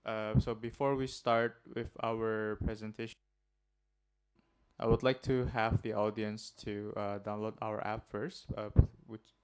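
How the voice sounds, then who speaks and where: A man's voice: lowish voice, level tone, a little slow, clean tone. A man from Indonesia with an Indonesian accent, giving a friendly workshop presentation with many filler uhs. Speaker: guest presenter. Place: seminar room.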